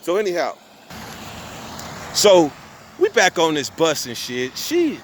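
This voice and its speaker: Taking it slowly, a young man with a slightly high voice and huge pitch swings tells his viewers a long story. He rambles in profane street slang, often restarting and repeating himself, with a little hiss or hum in the background.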